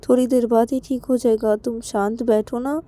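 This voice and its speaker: A woman's voice: on the high side, steady tone, moderate pace, mellow, no room sound, close to an everyday voice. A woman doing a soothing young woman. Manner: coaxing, reassuring, repeats herself.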